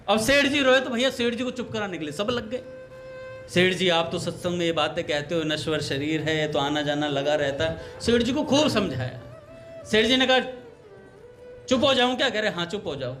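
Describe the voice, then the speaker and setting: A man giving a devotional talk, telling anecdotes and acting out the dialogue in a relaxed conversational way. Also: high-pitched, normal speed, soft background music. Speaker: satsang speaker.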